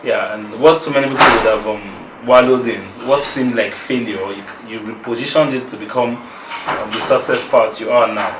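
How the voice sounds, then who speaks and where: A man's voice: medium pitch, fairly even intonation, moderate pace, heavy background noise. A man hosting an interview, eager and encouraging, often reacting with "wow". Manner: enthusiastic, frequent "wow" and "yeah". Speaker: interviewer host. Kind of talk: show host interviewing. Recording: echoey room with faint background.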